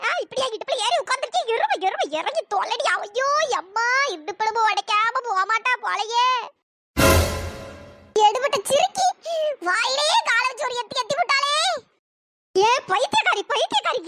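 Shrill, nagging old mother-in-law. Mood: wailing. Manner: cursing, nagging, wails when hurt. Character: scolding old mother-in-law, sharp-tongued and grumbling. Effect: pitch-raised voice editing. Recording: noisy cartoon voice track.

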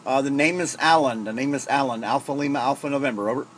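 A man's voice: mid-range voice, fast. A man talking casually as an amateur radio operator, hesitant and repeating phrases for clarity, recorded indoors in his radio room. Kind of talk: casual ham radio contact. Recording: faint room noise, amateur camera audio.

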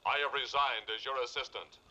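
An actor playing a calm, literal-minded male robot in a mechanical robot voice, speaking in formal, precise phrases. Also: mid-range voice, fairly quick, dull audio. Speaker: robot companion. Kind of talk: 1960s TV series acting. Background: background score music.

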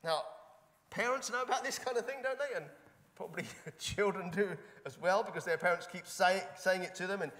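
A man's voice: sits high, brisk, fairly bright tone. A man preaching a sermon into a fixed microphone, talking conversationally with rhetorical questions and repetition. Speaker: pastor. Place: church. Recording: reverberant church hall.

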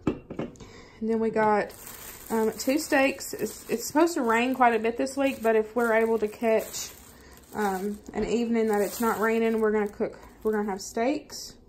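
Chatty Southern woman, higher voice. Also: steady tone, normal speed, a little hiss or hum. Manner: chatty, lots of "um" and "y'all". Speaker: vlogger. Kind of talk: casual grocery haul chat. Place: home kitchen table, indoors.

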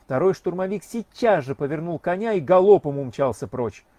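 Male audiobook narrator, fairly high voice, measured expressive reading, dry close sound. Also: no room sound. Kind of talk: scripted narration.

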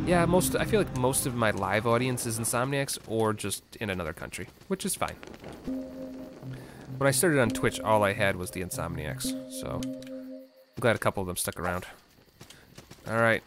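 A man talks slowly through a live game stream, his pitch rising and falling a lot as he reads chat and reacts. His tone is wry and easygoing. Game music plays clearly behind him. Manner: relaxed, wry, chatting with viewers between gameplay reactions. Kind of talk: live gameplay commentary.

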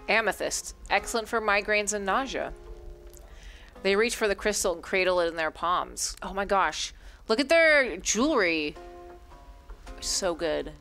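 A woman streamer reading a story game aloud, breaking off into animated, crude jokes. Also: mid-range voice.

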